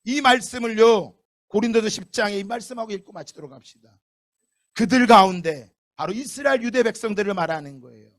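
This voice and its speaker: High-voiced man preaching emphatically. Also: fairly quick. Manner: emphatic, with many rhetorical questions; swings between loud outbursts and soft asides. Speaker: pastor. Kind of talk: sermon.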